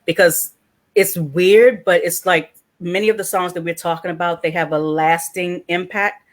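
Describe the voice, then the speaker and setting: Animated woman hosting a panel chat. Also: lowish voice, normal speed. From Washington, D.C. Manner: animated storyteller, acts out quotes. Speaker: host.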